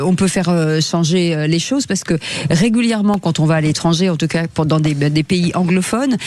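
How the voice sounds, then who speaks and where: A radio talk show host asking guests quick, lively questions with frequent restarts. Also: medium pitch, a little hiss or hum.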